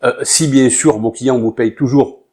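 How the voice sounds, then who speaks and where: A man's voice: mid-range voice, fairly even intonation, a little slow, a little mellow. A man teaching business finance in a hesitant way, with many filler sounds. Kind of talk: explanatory lesson with a short acted opening.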